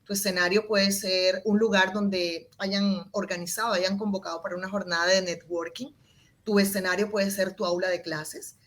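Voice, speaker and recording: A woman's voice: medium pitch, moderate pace. A woman explaining her public speaking method as an interview guest, shifting her tone and volume to demonstrate. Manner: expressive, varies volume and tone to demonstrate.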